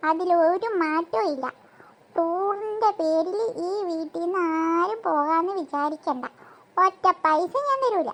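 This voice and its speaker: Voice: extremely high pitch, fairly bright tone, heavily acted. A voice actor playing a strict, scolding cartoon mother of two girls. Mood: stern. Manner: stern, nagging. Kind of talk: cartoon voice acting.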